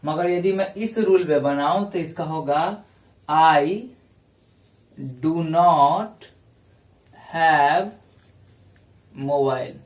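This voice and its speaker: A male English teacher giving a classroom lecture, explaining grammar rules step by step and repeating each example slowly. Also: a little high. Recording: echoey room, voice from a distance.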